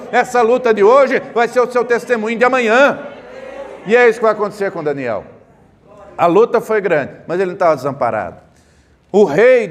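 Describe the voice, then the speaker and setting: High-voiced preaching pastor. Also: male voice. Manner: preaching with swelling emphasis and rhetorical questions; slow deliberate scripture reading. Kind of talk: sermon.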